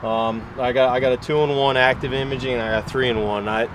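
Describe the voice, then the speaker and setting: A man in his thirties with a medium-pitched voice chats his way through a walkthrough of his fishing boat, relaxed and loose, with plenty of "um" and "you know". He is recorded outdoors, with faint background noise around him. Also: fairly quick. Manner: relaxed and chatty, many fillers and restarts. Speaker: pro angler giving a boat tour. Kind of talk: casual walkthrough. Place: outdoors beside a boat in a yard.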